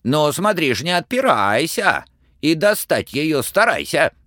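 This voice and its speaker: A man voicing a blustering, angry old tsar in a storybook reading, shouting threats. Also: a little high, very animated, unhurried, no echo, clean studio sound, pitched above the performer's own voice, exaggerated voice. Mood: mocking.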